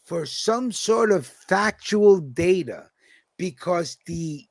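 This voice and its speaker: A man from New York hosting a casual podcast chat with a loose, profane, drawn-out way of telling a story. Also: sits high, animated, no room sound. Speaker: podcast host.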